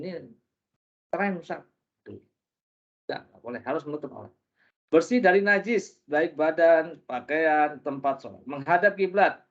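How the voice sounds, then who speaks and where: A man preaches to a class. His voice sits somewhat high and bounces with humor as he quizzes the room. The recording is dull and lo-fi. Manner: lively, jokey, asks the audience questions. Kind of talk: interactive religious lesson.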